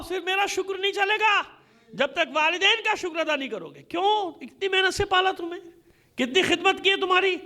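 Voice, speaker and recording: A man with an extremely high-pitched, sharp voice preaches passionately as a Shia cleric from Pakistan. Before a gathering in a congregation hall, he repeats himself emphatically and asks rhetorical questions.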